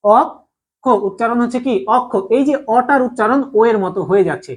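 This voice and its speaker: A young man teaches grammar online at a quick pace, his extremely high voice animated, with a Bangladeshi Bengali accent. He goes over each point repeatedly and keeps checking whether everything is clear to everyone.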